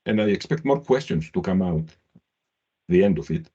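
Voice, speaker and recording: Deep, husky man on a video call. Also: lively intonation, dark tone. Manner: halting, restarts phrases. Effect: heard over a video call. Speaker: meeting chair. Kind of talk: business meeting update. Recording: slightly muffled video call audio.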